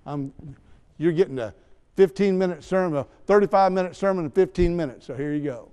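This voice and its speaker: A man's voice: high-pitched, quick pace, warm tone, smooth. A man preaching a sermon in a church, talking conversationally with asides and light teasing. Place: church sanctuary. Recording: long church hall reverb.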